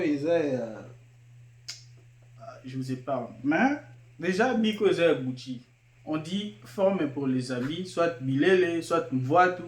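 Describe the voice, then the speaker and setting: A man explaining slang terms one by one, repeating each word and pausing with fillers. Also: on the high side, a little mellow, echoey room. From Kinshasa, DR Congo. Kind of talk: casual explanatory talk.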